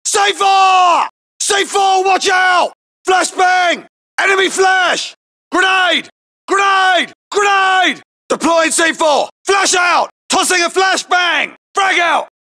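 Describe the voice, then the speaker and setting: Voicing a tough British SAS soldier in a military shooter game, a male actor shouts urgent, clipped battle callouts. His voice is very high-pitched, his pace slow, and the performance heavily acted.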